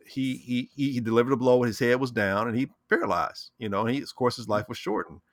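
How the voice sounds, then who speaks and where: A man's voice: medium pitch, fast talker, no echo, studio quality. A man in casual sports chat, talking animatedly, repeating words and acting out what he said and thought. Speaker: sports talk co-host.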